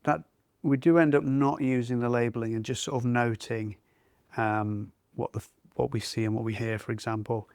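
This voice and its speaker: A male mindfulness teacher in easygoing conversation. He gropes a little for words as he explains. His voice is average in pitch, and the sound is dry and close. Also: steady tone, moderate pace, hardly any pauses, darkish tone, clean tone, no echo. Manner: thoughtful, searching for words. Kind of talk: conversational discussion.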